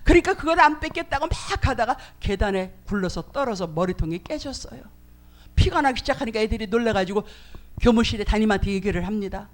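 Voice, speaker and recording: A woman pastor preaches by telling a story. She narrates with lively energy. She slips into the voices of the people in her tale. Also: on the high side, fast. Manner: animated storytelling, acting out voices. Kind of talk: storytelling sermon.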